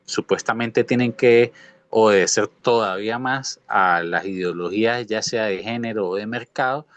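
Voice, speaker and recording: A man's voice: fairly low pitch, normal speed, no room sound. A man, a graduate student speaking earnestly to his professor, hedging with many fillers.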